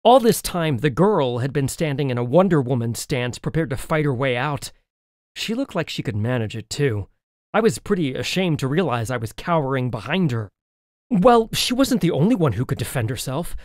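A man's voice: medium pitch, sing-song, normal speed, no room sound, studio quality. A man reading a children's novel aloud as an audiobook in the first person, telling the story expressively. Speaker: audiobook narrator.

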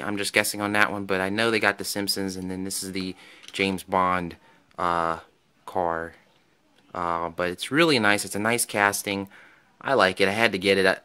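Man, casual vlog, enthusiastic rambler, fairly low, clear, bright voice. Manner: rambling, enthusiastic, many ums and restarts. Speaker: toy car collector vlogger. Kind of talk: casual show-and-tell vlog.

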